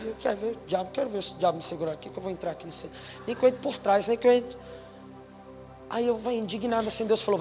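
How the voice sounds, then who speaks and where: A young Brazilian man preaching at a youth conference, telling a story and acting out the dialogue, swinging from hushed lines to shouts. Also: high-pitched. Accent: Brazilian Portuguese. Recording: reverberant hall with music behind.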